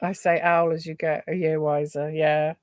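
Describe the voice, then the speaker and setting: A woman's voice: low-pitched, flat delivery, moderate pace, no echo, clean studio sound. A middle-aged woman with an English accent, chatting casually as a live stream host. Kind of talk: casual chat.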